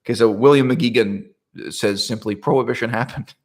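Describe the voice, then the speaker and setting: A political commentator with a mid-range voice talks a little fast through a political topic in a casual monologue. He's rhetorical and animated, often checking in with "right?" and laughing mid-sentence.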